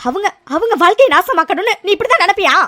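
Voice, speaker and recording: A fiery young woman student in a cartoon serial, voiced by a woman, scornful and fearless. Her voice sits very high and leaps all over as she tears into someone with sharp, indignant scolding. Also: animated, fast talker, full character voice. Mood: furious scolding.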